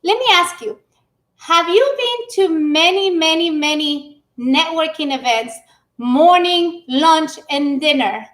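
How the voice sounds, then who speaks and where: A middle-aged woman from Ecuador giving an energetic business presentation on a livestream, greeting the audience warmly. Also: high-pitched, slow pace. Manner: energetic, warm greetings to the audience, spoken with restarts. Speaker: public speaker. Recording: echoey room.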